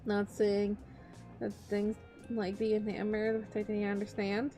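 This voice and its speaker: A young woman streaming as a VTuber, rambling playfully and chasing excited little tangents in casual chat. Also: mid-range voice, measured pace, soft background music.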